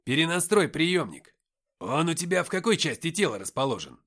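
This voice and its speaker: A man's voice: a little high, big pitch swings, brisk, a bit bright, breathy edge, voice pushed up, heavily acted. A man voicing a cheeky joker companion. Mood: teasing. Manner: teasing, flippant.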